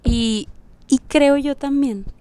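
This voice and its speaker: Expressive Mexican woman podcaster. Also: high voice, takes it slowly. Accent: Mexican Spanish. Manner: expressive, slangy, mixes English phrases. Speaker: podcast host. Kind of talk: casual storytelling monologue.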